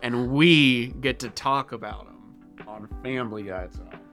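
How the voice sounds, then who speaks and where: A man co-hosting a casual comedy podcast who teases his co-host with slow, deadpan build-ups. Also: medium pitch, soft background music.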